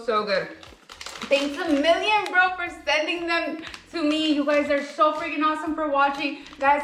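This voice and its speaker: A woman's voice: high voice, a bit bright, a little hiss or hum. A woman reviewing snacks in a casual vlog, gushing and bubbly, saying "like" and "guys" constantly and dropping in Spanish phrases. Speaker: food reviewer. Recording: echoey room.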